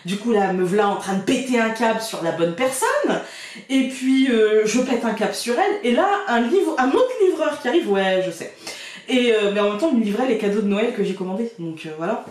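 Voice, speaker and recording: A woman's voice: a little high, lively intonation, a little fast, darkish tone. A woman vlogger telling a story in a chatty, colloquial way, laughing often. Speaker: card reader and vlogger. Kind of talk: casual storytelling to camera. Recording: very echoey room, far from the mic.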